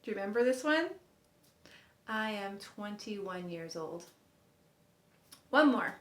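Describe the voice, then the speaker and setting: A sign language teacher in her fifties counts aloud as she shows each sign, speaking slowly in an animated, mid-range voice. The room is echoey; she's upbeat and encouraging and chuckles at her own slips.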